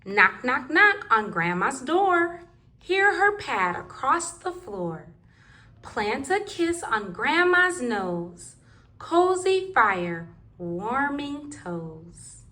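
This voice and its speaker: A woman's voice: sits high, big pitch swings, drawn-out words, sharp tone. A woman reading rhyming picture books aloud to toddlers in a sing-song, rhythmic way. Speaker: children's book reader.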